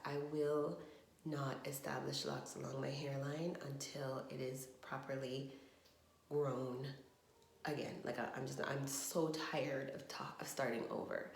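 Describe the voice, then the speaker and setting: A woman's voice: low-pitched, a little hiss or hum. A woman vlogging on her phone from her bathroom, rambling in a frustrated, trailing way. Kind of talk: casual vlog monologue. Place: home bathroom. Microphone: phone camera. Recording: echoey bathroom phone recording.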